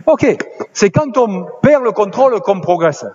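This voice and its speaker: A man coaching basketball players on court, directing drills with quick commands and encouragement. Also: high-pitched, expressive, darkish tone. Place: indoor basketball gym. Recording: slightly dull lo-fi sound with faint noise.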